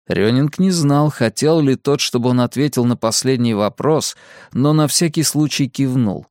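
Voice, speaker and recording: Guy reading a dark thriller audiobook, mid-pitched, steady and tense, dry close mic. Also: normal speed, no room sound. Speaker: audiobook narrator. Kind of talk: scripted thriller narration.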